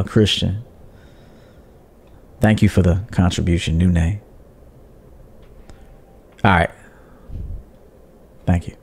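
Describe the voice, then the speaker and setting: A man's voice: lowish voice, darkish tone. A man hosting a livestream as a dating coach, talking in a blunt, profane, scolding way. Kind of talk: livestream monologue.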